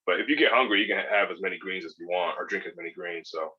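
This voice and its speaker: A man in his thirties, born in California and raised in Hawaii and Spain, guests on a casual podcast interview, rambling in a laid-back way full of fillers and restarts. His deep voice is fast and husky, and the highs are cut off.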